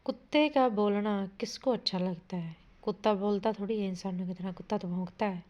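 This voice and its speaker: A woman's voice: mid-range voice, fairly quick, darkish tone. A woman teaching an exam-prep grammar lesson. She reads out sentences, asks what a word means, corrects it, and calls her listeners "bhai". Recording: dull lo-fi audio.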